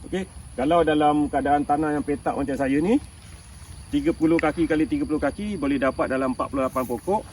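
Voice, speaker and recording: A durian farmer and channel host in his fifties, speaking with a Malaysian Malay accent, talks fast in a slightly high, darkish voice. The mic sits at a distance and there's a bit of hiss or hum. Out in his durian orchard, he chats informally with viewers about the trees, laughing a lot and making sure they follow along.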